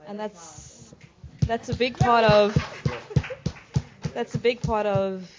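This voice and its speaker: Woman host steering a panel, even and measured, dull recording. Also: medium pitch, noisy background. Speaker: panel moderator. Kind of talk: moderating a workshop panel.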